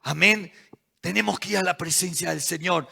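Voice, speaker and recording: High gravelly preaching pastor. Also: male voice, normal speed. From not from Bolivia. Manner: preaching with call-and-response amens, swinging from loud to hushed. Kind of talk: sermon. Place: church.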